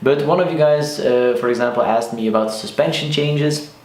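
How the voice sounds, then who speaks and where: A man's voice: medium pitch, moderate pace, darkish tone. A man in his twenties from Flanders with a Flemish accent, Dutch as his first language, chatting casually to camera as a car vlogger with lots of likes and restarts. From Belgium, Flanders. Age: 20s. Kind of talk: casual vlog talk to camera. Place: sparsely furnished room in a new house. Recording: echoey bare room.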